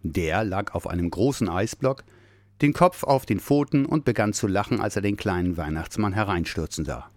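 Man narrating a childrens christmas story, low and lively, super dry mic. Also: normal speed, dry recording.

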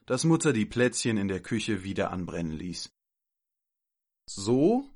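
A man calmly reading a children's story aloud as narrator. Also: medium pitch.

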